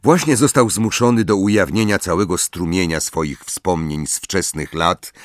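A man narrating an audiobook in a calm, measured storytelling style. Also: on the low side, dry recording, clean studio sound. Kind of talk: scripted narration.

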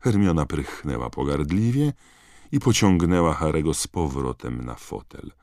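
A man reading an audiobook in a measured, unhurried scripted narration. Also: a bass voice, big pitch swings, darkish tone, no room sound, studio quality.

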